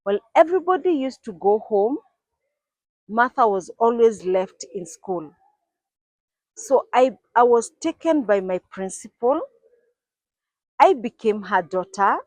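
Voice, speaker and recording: Taking it slowly and pausing often, a Kenyan woman in her forties tells viewers of her channel about her life in a medium-pitched, darkish voice with lively intonation. She comes across as earnest and reflective, occasionally restarting. The recording is dry.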